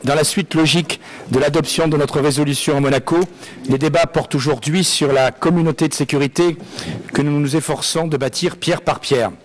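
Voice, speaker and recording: A male delegate from France speaks at a parliamentary assembly in a measured, rhetorical style. His voice is a little higher than most men's, and he delivers his prepared remarks steadily and formally. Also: steady tone. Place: assembly hall.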